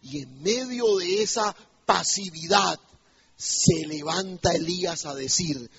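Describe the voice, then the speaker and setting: A man's voice: sits high, very animated, slow pace, creaky, fairly bright tone, dull audio, a little hiss or hum. A male pastor preaching an emphatic sermon in a church, putting rhetorical questions to the congregation.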